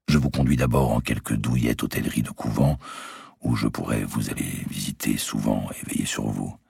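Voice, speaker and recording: A man's voice: darkish tone, dry recording, studio quality, full character voice. A man voicing a coaxing scheming nobleman. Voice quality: very deep, gravelly. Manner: coaxing, slow and insinuating. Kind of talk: audiobook character voice.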